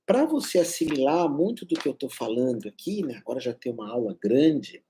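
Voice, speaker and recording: A man's voice: mid-range voice, sing-song, fairly quick, dark tone, slight background noise. A middle-aged man gives a spiritual self-help talk as a holistic therapist, emphatic and repeating his key phrases.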